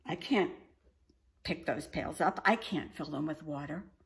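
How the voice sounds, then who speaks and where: A woman's voice: low-pitched, measured pace. A woman voicing a sly, stubborn clever young girl who talks in a cool, unbothered way. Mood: worried.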